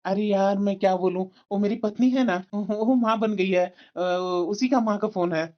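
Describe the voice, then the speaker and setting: A woman voicing a smooth-talking, cheating young husband in a cartoon, coaxing and evasive, full of fillers. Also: medium pitch, moderate pace, muffled recording, faint music behind, lightly acted. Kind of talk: cartoon voice acting.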